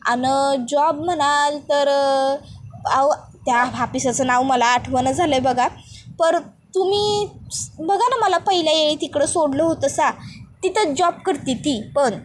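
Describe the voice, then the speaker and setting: A woman's voice: sits high, unhurried, slight background noise. Krishna, a woman doing a blunt rustic village wife. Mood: scolding. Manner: blunt, chattering, loud.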